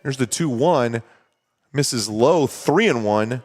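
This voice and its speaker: Steady conversational baseball play-by-play man. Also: takes it slowly. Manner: steady, conversational, explains strategy between pitches. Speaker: play-by-play announcer. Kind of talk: baseball commentary.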